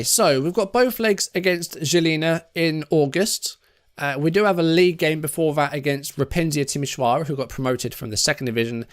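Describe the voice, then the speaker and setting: A man casually commentating his own football management game, chatty and reacting to each play with frustrated asides. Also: fairly high pitch. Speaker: gaming YouTuber.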